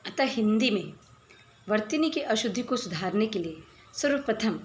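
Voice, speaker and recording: A woman teacher giving a school spelling lesson, reading word pairs aloud with careful, clear enunciation. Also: mid-range voice, expressive, normal speed, slight background noise. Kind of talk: slow, deliberate Hindi lesson. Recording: echoey room with faint background ambience.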